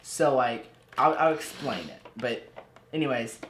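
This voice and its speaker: A man's voice: medium pitch, measured pace, fairly bright tone. A young man hosting a casual podcast, joking around and laughing often as he tells rambling stories. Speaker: podcast host. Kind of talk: casual chat. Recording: echoey room with faint noise.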